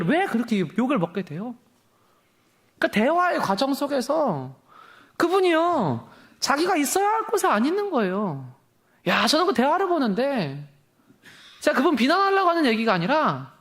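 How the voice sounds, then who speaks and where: A young man preaching a sermon with passion, firing off rhetorical questions and swinging his voice up and down. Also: fairly bright tone. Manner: impassioned, rhetorical questions, quick swings in pitch and volume.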